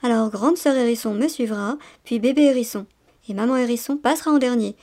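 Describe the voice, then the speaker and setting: A woman's voice: fairly high pitch, a little fast, dark tone, close to an everyday voice. A woman voicing a serious father hedgehog in a storybook reading, firm and instructing.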